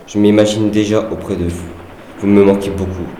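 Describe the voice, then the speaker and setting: A man giving an earnest, measured dramatized reading of a wartime letter. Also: on the low side, little pitch movement, mellow, a little hiss or hum. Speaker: reader of a soldier's letter. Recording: echoey room with faint background ambience.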